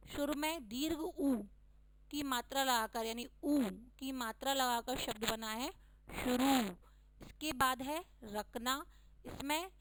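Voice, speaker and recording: Slow, high-voiced woman teaching children. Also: a bit bright, low-quality recording. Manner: slow, deliberate, stressing each vowel sign. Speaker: schoolteacher. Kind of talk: recorded class lesson for young children.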